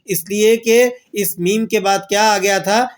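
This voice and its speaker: A man with a fairly high-pitched voice teaches the rules of Quran recitation. He poses questions and answers them himself, and slowly draws out the verses he recites as examples. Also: fairly even intonation. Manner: slow drawn-out recitation of verses. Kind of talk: tajweed lesson with recited examples.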